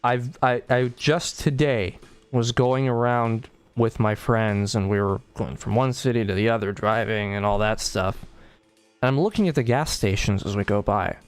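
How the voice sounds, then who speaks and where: Sleepy sarcastic man with a smooth voice. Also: fairly low pitch, normal speed, soft background music. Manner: rambling, sarcastic, frequent fillers. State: sleepy, yawning late at night. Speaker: podcast co-host. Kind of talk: casual chat.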